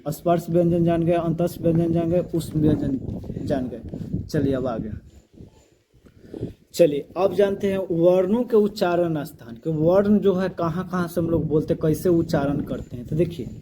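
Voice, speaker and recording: A man's voice: a little high, normal speed, background noise. A male grammar teacher, giving a classroom lesson and repeatedly asking his students questions that he answers himself. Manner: repetitive call-and-response questioning, drills sounds aloud.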